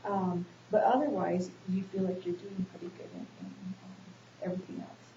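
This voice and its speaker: A woman's voice: on the low side, fairly even intonation, normal speed, dark tone. A congested woman playing a counselor in a practice session, talking with many ums and restarts. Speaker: social work student playing the counselor in a role-play. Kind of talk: counseling session role-play. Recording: echoey room, dull hissy recording.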